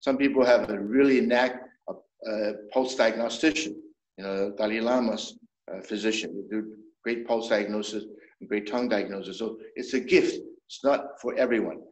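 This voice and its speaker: A man in his seventies, a traditional medicine doctor, explaining things in a measured way as an interview guest, often restarting his sentences. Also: fairly low pitch, steady tone. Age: 70s. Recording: roomy echo.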